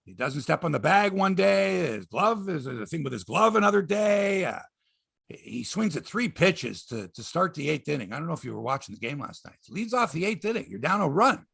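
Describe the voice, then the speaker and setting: A man's voice: on the high side, big pitch swings, normal speed, gravelly, fairly bright tone, slightly rough. A man hosting a sports talk show, ranting emphatically with exasperated repeats, rhetorical questions and salty language. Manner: salty, profane. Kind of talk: opinionated sports talk rant.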